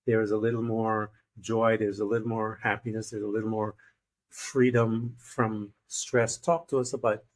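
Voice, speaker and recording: This Guyanese man hosts a casual interview, his lowish voice level in tone and his speed normal. He talks in a thoughtful, meandering way, with plenty of fillers.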